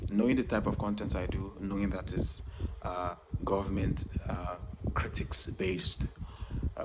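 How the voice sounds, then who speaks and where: A young man, speaking earnestly and reflectively as a content creator, often saying "you know" and "and all of that". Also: sits low. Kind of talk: direct-to-camera monologue. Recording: loud background noise.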